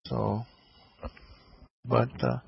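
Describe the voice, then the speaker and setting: Slow, gravelly man on a call. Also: mid-range voice, big pitch swings, heavy background noise. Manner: hesitant, halting. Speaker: caller. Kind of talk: casual chat on voice chat. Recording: dull lo-fi online voice chat.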